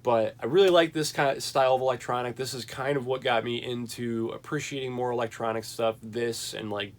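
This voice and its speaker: A young man talks loosely through the records he has bought lately, enthusiastic and rambling. He reaches for fillers and restarts as he thinks aloud, with a voice of middling pitch. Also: fairly even intonation, fairly quick. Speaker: vinyl collection reviewer. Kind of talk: casual record collection chat.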